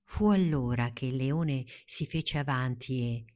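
A woman narrating a children's storybook in a gentle, soothing way. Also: rumbling low, a little slow. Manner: gentle, soothing, dropping to a hush in tense moments.

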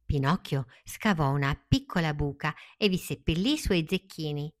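A woman narrating a children's fairy tale in a slow, gentle storytelling manner. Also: low voice, lively intonation.

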